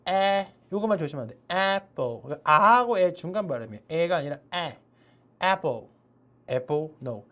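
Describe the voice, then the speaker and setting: A woman leads an online English pronunciation lesson, explaining each letter sound and repeating it slowly for the viewer. Her voice sits a little low yet moves lively up and down as she explains. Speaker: English teacher.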